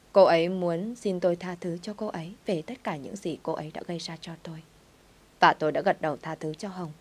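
A woman narrating a dramatic story in the first person with an even, steady reading. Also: fairly low pitch.

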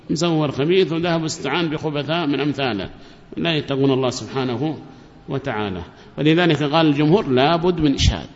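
A man teaching a lecture on religious rulings, explaining carefully and repeating key phrases. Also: fairly high pitch. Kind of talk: classroom lecture on Quranic rulings. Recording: dull, echoey lecture recording.

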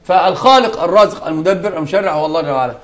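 A sheikh teaching a religious lesson to students, speaking emphatically, repeating key words, quoting scripture and breaking off for quick asides to the class. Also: male voice, fairly high pitch, slight background noise.

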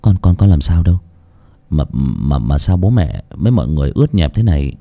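A man voicing a dazed, weak young man who talks quietly and stammers in confusion. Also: a bass voice, big pitch swings, a little fast, vocal fry, dull audio, voice pushed down, heavily acted. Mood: confused.

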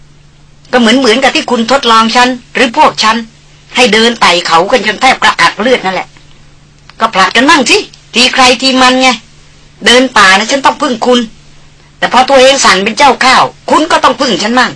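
A woman voicing a proud, sharp-tongued young aristocrat in a storybook reading, scolding and decisive in manner. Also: fairly high pitch, normal speed, voice pushed up.

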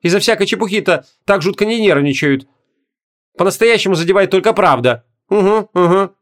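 A man's voice: sits high, lively intonation, a little fast, fairly bright tone. A man reading an audiobook voices a brash young woman apprentice who teases and scolds her teacher. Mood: teasing. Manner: teasing, indignant.

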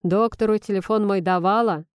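A woman's voice: medium pitch, moderate pace, smooth, no room sound, clean studio sound, close to an everyday voice. A woman reading an audiobook, voicing a blunt, teasing young female friend who talks sardonically and earnestly. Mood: mocking. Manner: sardonic, pointed, then earnest.

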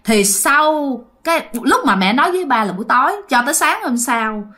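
A woman narrates a ghost story in a chatty, conversational way, speaking directly to her listeners. Her voice sits a little on the high side. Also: animated, moderate pace, pushed and bright.

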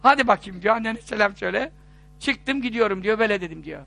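High, bright-voiced preacher. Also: male voice, quick pace, creaky. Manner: animated storyteller, voices quoted people, chuckles. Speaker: religious preacher. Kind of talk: sermon-style storytelling talk.

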